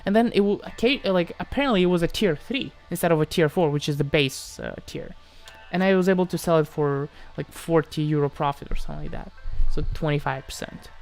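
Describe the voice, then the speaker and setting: This Moldovan live streamer has a slightly high, creaky voice. Answering questions from his chat in a relaxed way, he hesitates, repeats himself a lot, and tends to trail off.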